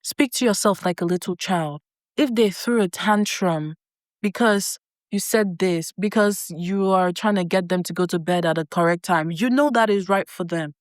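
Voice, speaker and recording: A woman's voice: on the low side, no echo. Earnest woman coach, dry close sound. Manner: earnest, slow emphatic repetition. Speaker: self-concept coach. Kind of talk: motivational talk to viewers.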